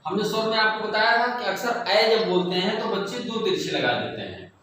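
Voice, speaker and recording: A man teaching young children, speaking slowly and deliberately and repeating each sound for the pupils. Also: high voice, animated, sharp tone. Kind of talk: classroom lesson for children. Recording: echoey room, mic far off, faint noise.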